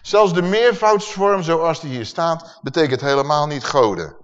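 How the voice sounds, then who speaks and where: A man's voice: on the high side, expressive, a little slow. A man preaching a sermon, emphatic and full of rhetorical questions to his listeners. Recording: dull sound with long hall reverb.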